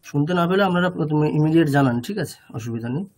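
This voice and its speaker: A man's voice: on the high side, animated, very fast, a little mellow. A man teaching an online class over a video call, explaining patiently and often stopping to check that his students follow.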